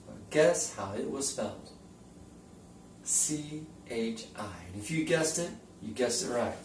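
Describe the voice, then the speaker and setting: A male teacher with a mid-range voice gives an informal, folksy whiteboard lesson, chatting and asking the viewer questions. The audio comes from a camera mic across a room where the camera is taped to the wall, so it's distant and echoey with a little hiss or hum.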